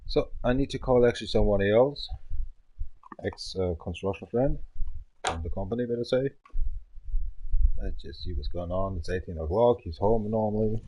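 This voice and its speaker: A man, a gaming livestreamer chatting loudly and teasingly on a phone call over his stream. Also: fairly low pitch, normal speed, long pauses, husky. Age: 30s. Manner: loud, joking and teasing. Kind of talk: casual phone chat during a livestream. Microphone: earbuds in, calling over the stream mic.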